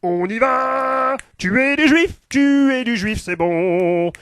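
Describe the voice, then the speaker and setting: A man playing an eager, gullible male follower who shouts along with his leader. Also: very high voice, animated, extremely slow, dry recording, full character voice.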